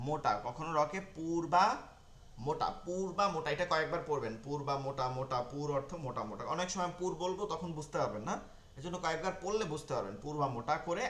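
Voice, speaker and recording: A man teaching an online Quran reading lesson, repeating key terms slowly and checking that his learners follow. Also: a little high, a bit bright, roomy sound.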